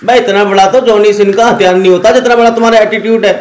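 A man in a scripted comedy phone skit, playing a rude caller who mocks and insults the other person loudly. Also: high voice, fairly even intonation, rapid-fire, roomy sound. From North India. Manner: abusive, loud, mocking. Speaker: rude prank call receiver.

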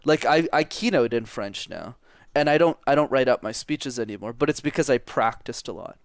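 In a studio-quality recording with no room sound, a Montreal-born young man who coaches public speaking talks briskly at medium pitch. The interview is casual, and he's energetic and direct, repeating words to drive his points home.

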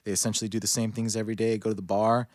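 A man's voice: on the low side, flat delivery, rapid-fire, a little mellow, no room sound, clean studio sound. A man co-hosting a podcast, discussing films casually with tongue-in-cheek banter. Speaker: podcast co-host.

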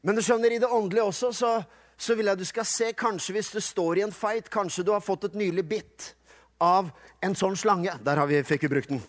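A man preaching a sermon in a lively, humorous storytelling manner, acting out quotes along the way. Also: high-pitched. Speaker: pastor.

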